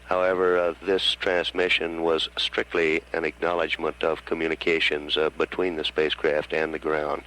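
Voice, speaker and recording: A man giving formal mission status announcements as a control centre announcer, with halting, hesitant delivery. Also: a bass voice, monotone, fairly bright tone, poor audio. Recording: faint hum on archival broadcast line.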